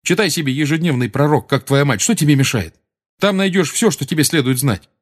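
Harry, a sharp, snapping angry teen, read by a man. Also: fairly high pitch, animated, fairly quick, pitched above the performer's own voice. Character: sullen, angry teenage boy Harry.

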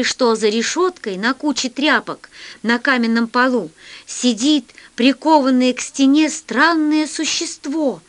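Woman, higher voice, expressive, children's story narration.

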